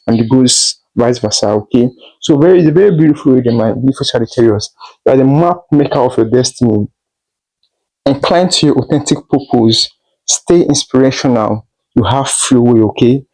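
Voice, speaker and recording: A man's voice: mid-range voice, darkish tone, poor audio. A man doing a tarot reading, speaking straight to the listener in a repetitive, reassuring way. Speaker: tarot reader.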